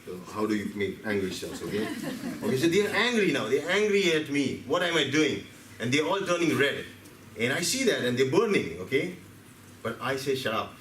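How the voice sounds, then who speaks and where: A man's voice: medium pitch, very animated, normal speed, a bit bright, slight background noise. A man from India, giving a seminar talk and telling stories to a live audience, asking them questions as he goes. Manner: storytelling, asks the audience questions, acts out his cells. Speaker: seminar speaker. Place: meeting hall. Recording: roomy hall from a distance, faint ambience.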